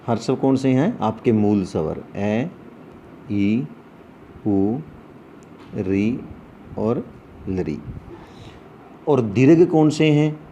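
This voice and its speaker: A Sanskrit teacher lectures an online class in a mellow, low-brightness voice, speaking at a deliberate, unhurried pace yet sounding animated. He drills his pupils with questions, then answers them himself. The recording is muffled, with a faint noise underneath.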